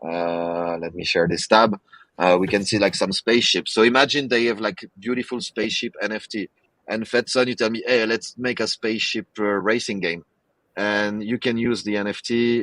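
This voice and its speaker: A low-pitched man hosting a casual podcast, his voice dry and close with no room sound. He talks with rambling enthusiasm, full of fillers and restarts. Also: steady tone, normal speed, a bit bright, dry recording. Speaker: podcast host. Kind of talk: casual chat.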